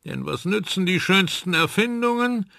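A man's voice: sits high, lively intonation, normal speed, gravelly, pushed and bright, dry recording, studio quality, voice pushed up, full character voice. A man doing a scatterbrained old inventor. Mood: eager. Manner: distracted, mumbling, then eager. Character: absent-minded old male inventor professor.

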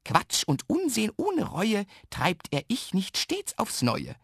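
A man's voice: sits high, wildly swooping pitch, moderate pace, husky, no echo, clean studio sound, pitched above the performer's own voice, heavily acted. A man voicing a tiny, mischievous, boastful imp with a round belly in a children's radio story, cheeky and bragging.

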